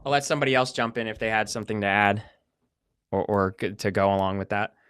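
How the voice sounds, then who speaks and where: Man, podcast host, smooth resonant voice, thoughtful, hesitant. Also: lowish voice, fast talker, fairly bright tone. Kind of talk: casual discussion.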